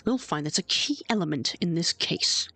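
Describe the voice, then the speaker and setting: A woman voicing an earnest young male defense lawyer who reasons through the case calmly. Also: on the low side, normal speed, dry recording, full character voice. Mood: determined.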